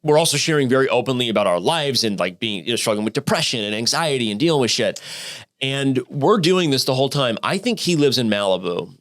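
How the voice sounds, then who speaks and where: A man in his thirties, a guest on a podcast, tells his story in a loose, conversational way. He swears freely and stacks up fillers and restarts. He gets animated as the story builds. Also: mid-range voice, fast. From Arizona, United States. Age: 30s. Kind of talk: casual storytelling interview.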